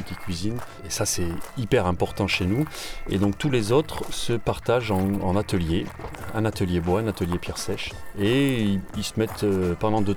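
A man who organizes volunteer projects, explaining how they work fluently, with some fillers. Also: fairly low pitch. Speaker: association organizer. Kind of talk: explanatory interview talk.

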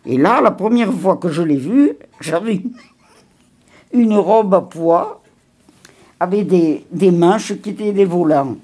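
A woman's voice: fairly low pitch, expressive, slow, pauses often, dark tone, husky. An older woman reminiscing at home in a rambling interview, often repeating words and sighing.

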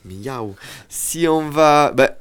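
A man teaching an Occitan lesson, explaining words slowly with hesitant fillers. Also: a little high, lively intonation, clear, resonant tone, no room sound. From southern France. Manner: slow, hesitant, many fillers.

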